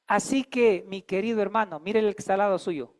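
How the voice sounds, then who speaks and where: A man's voice: high-pitched, a little fast. A man preaching a sermon as pastor, emphatic and calling on the congregation to repeat after him.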